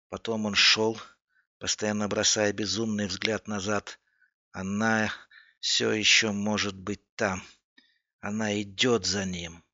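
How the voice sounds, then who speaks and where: A man narrates a scripted horror story, building suspense at a steady pace. His low voice is gravelly and husky with a sharp, bright edge. The recording sounds dull and lo-fi.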